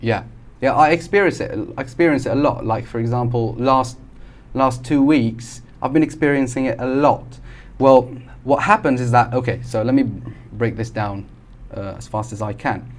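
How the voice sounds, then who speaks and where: A man's voice: mid-range voice, moderate pace. Male podcast guest from Algeria, explanatory, casual, frequent restarts. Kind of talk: casual conversation.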